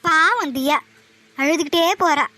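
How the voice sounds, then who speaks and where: A woman's voice: high voice, measured pace, sharp tone, a little hiss or hum. A woman voicing a kindly neighbour lady who chides the father and comforts the girl, in a cartoon. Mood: sympathetic. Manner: chiding, sympathetic. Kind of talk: cartoon voice acting.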